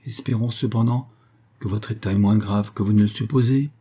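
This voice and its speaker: A shy, flustered clergyman fumbles for words in a storybook reading, as the male narrator voices him close to his own low tone. The voice is dark, mellow and a little husky. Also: fairly even intonation, fairly quick. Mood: hesitant. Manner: hesitant, awkward. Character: timid hesitant clergyman, awkward.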